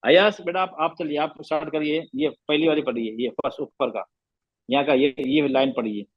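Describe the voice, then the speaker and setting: A man's voice: on the high side, steady tone, moderate pace, no room sound, highs cut off. A man teaching recitation rules to a class, patiently repeating sounds and asking questions.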